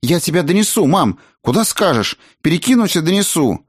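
Guy doing a high eager teen dragon boy voice, pushy and keen. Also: big pitch swings, a little fast, husky, no room sound, studio quality. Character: eager teenage dragon boy, eldest son.

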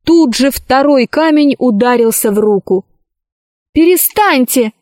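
A woman reading a children's science fiction story aloud, slowly and expressively. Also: a little high, dry recording, clean studio sound. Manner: slow, deliberate, expressive. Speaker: narrator.

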